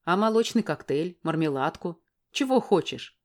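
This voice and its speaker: Woman voicing a gruff snappy father, lowish voice, audiobook dialogue. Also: animated, normal speed, a little mellow, natural voice. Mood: irritated. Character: gruff irritable father, a grown man.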